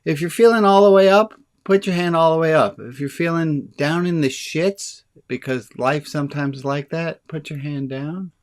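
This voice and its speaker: This is a man portraying a rabbi on a video call, leading an online gathering in an easygoing, talkative manner. His deep, resonant voice comes fast and eager, and he explains that his excitement quickens his pace.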